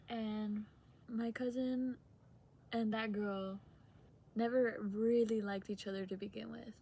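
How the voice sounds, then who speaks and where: Young woman, higher voice with little melody, casual confessional vlog talk, halting and trailing off. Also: dark tone, a little hiss or hum, low-quality recording. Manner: hesitant, trailing sentences with long pauses. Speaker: vlogger. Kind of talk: casual confessional chat, unscripted.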